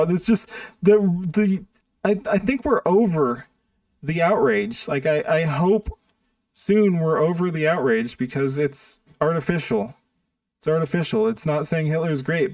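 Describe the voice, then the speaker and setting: A man's voice: on the high side, no echo, distant mic. A man streaming live, ranting bluntly and profanely in an exasperated tone. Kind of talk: live-stream commentary rant.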